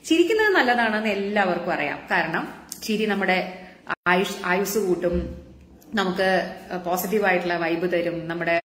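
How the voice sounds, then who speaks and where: A woman doctor gives a conversational health talk on a live stream, putting rhetorical questions to viewers. Her lowish, slightly bright voice is expressive, with a moderate pace and long pauses. The recording is reverberant.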